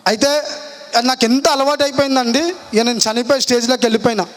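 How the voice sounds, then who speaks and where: A young man, telling his personal testimony at a church meeting in rapid, impassioned colloquial speech. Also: very high voice, fairly even intonation, fairly bright tone. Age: young adult.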